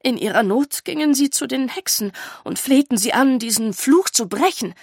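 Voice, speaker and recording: A woman voicing a calm, grave older female teacher who explains in a measured, earnest way. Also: on the high side, vocal fry, husky, no echo, studio quality, pitched above the performer's own voice, heavily acted.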